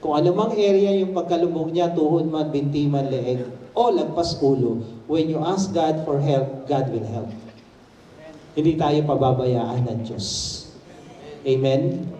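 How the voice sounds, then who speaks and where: A man preaching a sermon as pastor, telling a story with lively animation and shouting at the high points. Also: unhurried, highs cut off. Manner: animated storytelling preacher, mixing Tagalog and English, rising to shouts. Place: church hall. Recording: echoey church room, mic at a distance.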